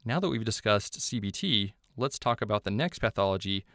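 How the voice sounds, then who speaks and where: A man giving a scripted medical lecture, explaining clearly and offering memory hooks. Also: lowish voice, animated, moderate pace, a bit bright, no echo, clean studio sound.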